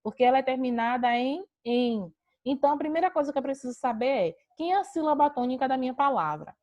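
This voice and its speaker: Fast and with lively intonation, a woman from Brazil teaches grammar online in a slightly high, slightly mellow voice. She patiently explains every rule, posing a question and answering it herself. The audio is video-call quality with the highs cut off.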